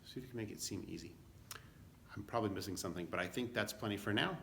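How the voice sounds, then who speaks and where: A man's voice: fairly low pitch, fast talker, vocal fry, sharp tone, a little hiss or hum. A man teaching a beginner violin lesson online, explaining patiently step by step and chanting a children's rhyme in a sing-song way. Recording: violin plucking behind the voice.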